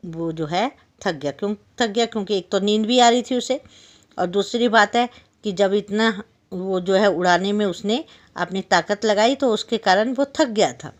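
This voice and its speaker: A woman teacher telling a story to young children, stopping to explain words and ask the class questions. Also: mid-range voice. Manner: explains and retells each line, asks the class questions. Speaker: school teacher.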